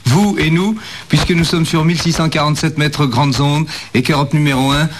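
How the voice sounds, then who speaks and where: A man announcing the early morning radio programme, briskly greeting listeners, heard from an old worn archive tape. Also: a little high, steady tone, a little hiss or hum.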